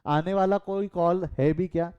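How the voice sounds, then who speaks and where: A middle-aged man with an Indian accent leads a live online class in a mellow voice that sits a bit high. He switches between Hindi and English, throws questions at his students and drifts into chatty side stories. He is recorded close on a call mic. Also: steady tone, moderate pace, clear, resonant tone, muffled recording. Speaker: commerce teacher.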